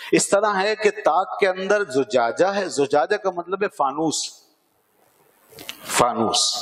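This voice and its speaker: A male Islamic scholar giving a religious lecture, explaining a Quranic verse and slowing down to recite the Arabic, often asking questions and answering them himself. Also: fairly high pitch, big-room sound, low-quality recording.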